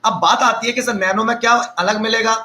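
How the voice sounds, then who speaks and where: A man's voice: high-pitched, fairly even intonation, fairly quick, pushed and bright, rough recording. A man, teaching a live online lecture and mixing chatty, teasing asides to his students into the explanation.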